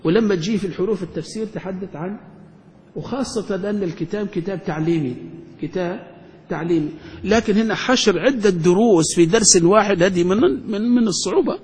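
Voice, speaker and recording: A man's voice: high-pitched, brisk, a little mellow, slightly rough. A man, a sheikh teaching a grammar lesson who keeps quizzing his students with questions, in an echoing hall. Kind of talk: classroom lesson.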